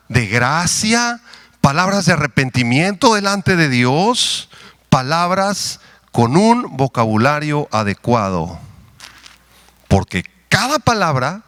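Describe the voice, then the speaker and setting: Slow, lively-voiced male pastor preaching. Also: a little high, no echo. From Mexico. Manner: preaching with slow deliberate emphasis, leading the congregation in prayer and reading. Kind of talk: sermon. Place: church.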